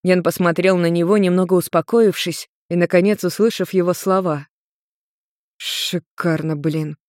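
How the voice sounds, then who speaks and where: An audiobook narrator reading a fantasy story in an even, measured way. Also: mid-range voice, no echo, clean studio sound. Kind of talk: scripted narration.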